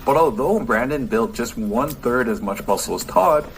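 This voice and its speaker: A man's voice: medium pitch, expressive, moderate pace, gravelly, slight background noise. A man presenting fitness experiment results and narrating, announcing the figures plainly. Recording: video played with music underneath.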